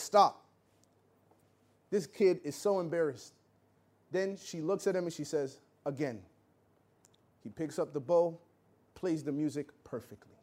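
A man preaching a sermon, telling a story with animated delivery, acting out voices and dropping to a hush at tense moments. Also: fairly high pitch.

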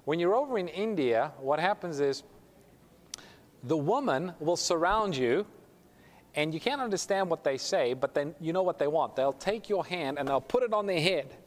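A man's voice: on the high side, expressive, normal speed. A male pastor telling a story in a sermon, acting out the voices of the people in it. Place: church sanctuary. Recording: long hall reverb.

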